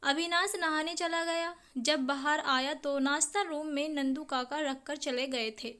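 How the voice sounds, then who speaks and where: A woman with a high voice reads a dramatic family story aloud, voicing each character's lines plainly and in the same narrating voice as the rest. The telling is steady and scripted. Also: unhurried. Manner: reads every character's lines in her own voice, reading the speaker names aloud.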